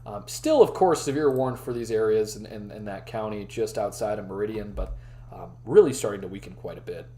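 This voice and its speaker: A man hosting a live weather briefing stream, chatting with his viewers while his voice is going hoarse. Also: on the low side, a little fast, dark tone. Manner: chatty, talks to the live chat. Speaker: weather livestream host.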